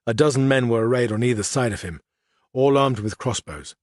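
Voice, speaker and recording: A man narrating an audiobook in a measured, even reading style. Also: medium pitch, no room sound, clean studio sound. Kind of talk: scripted narration.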